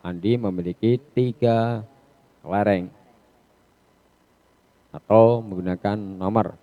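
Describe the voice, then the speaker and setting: A male English teacher with an Indonesian accent, giving an online lesson, explaining slowly in a mix of Indonesian and English with hesitant restarts. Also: on the low side, fairly even intonation, no room sound. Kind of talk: online class lecture. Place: home or classroom on a video call. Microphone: video call. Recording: dull lo-fi video call audio.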